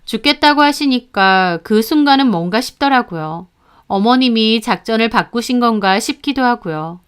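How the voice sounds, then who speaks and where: A woman calmly narrating a first-person story in a scripted way. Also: fairly high pitch, normal speed, clean tone.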